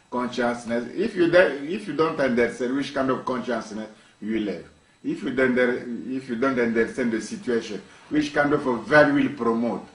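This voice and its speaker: A man from Congo, a university professor, speaking in an interview with emphatic repetitions and frequent restarts. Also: mid-range voice. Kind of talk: interview monologue. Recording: echoey room, mic at a distance.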